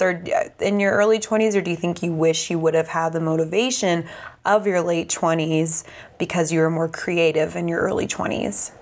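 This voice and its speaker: A woman in her late twenties co-hosting a podcast, chatting casually and leading the questions. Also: lowish voice. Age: 20s. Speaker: podcast co-host. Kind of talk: casual chat.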